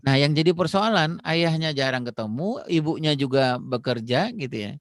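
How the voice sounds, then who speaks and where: A man's voice: on the high side, lively intonation, normal speed, no room sound, studio quality. A man speaking on parenting in a casual, explanatory way, dropping frequent fillers and acting out little dialogues. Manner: explains with many "gitu" fillers, acts out phone dialogues.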